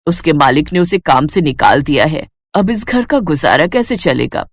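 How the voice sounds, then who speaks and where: A woman's voice: sits low, lively intonation, normal speed, no room sound, clean studio sound, voice pushed down. A woman voicing a worried, poor older mother-in-law speaking anxiously.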